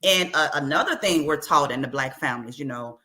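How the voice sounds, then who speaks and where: Bright-voiced woman speaking candidly. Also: low voice, fairly quick. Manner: earnest, open, with repeated phrases. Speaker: author being interviewed. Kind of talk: candid personal interview.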